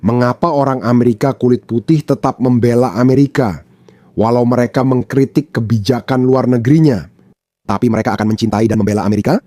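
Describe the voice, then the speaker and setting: A man from Pakistan delivers pointed commentary in a mellow, relaxed tone. He stresses his points by repeating them, and the dry recording has no room sound. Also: mid-range voice, a little fast, no echo. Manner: emphatic, repeats points for effect. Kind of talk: opinionated commentary.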